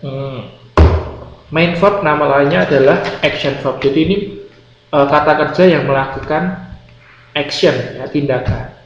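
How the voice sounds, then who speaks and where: A man from Indonesia teaches an English grammar class, explaining patiently, repeating key words, and quizzing his students. His voice is slightly high, with a measured pace and frequent pauses. The roomy classroom sound is dull and lo-fi, with faint noise.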